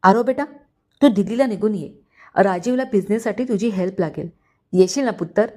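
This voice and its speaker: A woman's voice: medium pitch, brisk, warm tone, lightly acted. A woman doing a syrupy scheming stepmother. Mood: sugary. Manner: syrupy, fake affection. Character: scheming stepmother, sugary and fake-loving.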